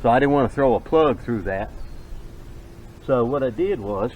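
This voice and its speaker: A man's voice: mid-range voice, expressive, normal speed, a little mellow, a little hiss or hum, low-quality recording. An older retired man, chatting casually in a folksy, plain-spoken way as he fishes and demonstrates things outdoors by a lake. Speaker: fishing vlogger.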